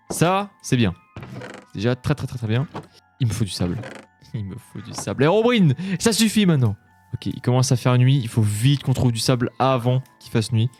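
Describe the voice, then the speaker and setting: A young man speaks casual gameplay commentary at a middle pitch. He chats on in a relaxed way and then jumps into loud, startled cries. Faint game music runs quietly behind him. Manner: chatty and jumpy, shouting when scared. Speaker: gaming YouTuber. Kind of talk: Let's Play commentary.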